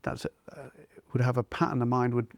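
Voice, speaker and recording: A man who teaches mindfulness, talking it through in a relaxed conversation and feeling his way toward each idea. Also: mid-range voice, fairly quick, gravelly, dry recording. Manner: thoughtful, searching for words. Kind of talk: conversational discussion.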